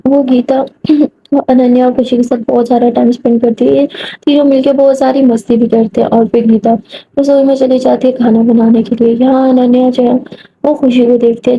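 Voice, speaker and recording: A woman retells a love story casually, chatting her way through it. Her voice is very dark and mellow, held fairly high but with little melody. The audio is dull and lo-fi, with faint hiss behind her. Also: level tone. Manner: plain, conversational retelling with many asides.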